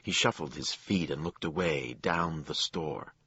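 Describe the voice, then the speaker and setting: A man narrating a crime thriller audiobook in a measured storytelling voice. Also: sharp tone, husky, no echo, dull audio. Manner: low, measured storytelling with acted dialogue.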